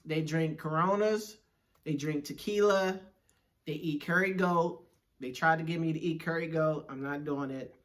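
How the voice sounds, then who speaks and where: A young man from Washington, D.C., co-hosting a casual couples chat, telling stories in an animated, slangy, joking way. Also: a little high, moderate pace. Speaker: co-host.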